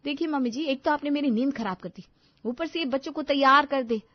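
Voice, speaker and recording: A woman doing a spoiled young bride from a storybook, lazy and rude, brushing everything off with a bratty whine. The voice is fairly high. The sound is dull lo-fi and dry. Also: a little fast, dry recording, lightly acted. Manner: bratty, dismissive whining.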